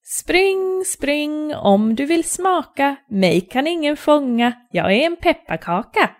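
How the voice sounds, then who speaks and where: A woman voicing a cheeky, boastful little gingerbread man in a storybook, chanting a high taunting rhyme. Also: animated.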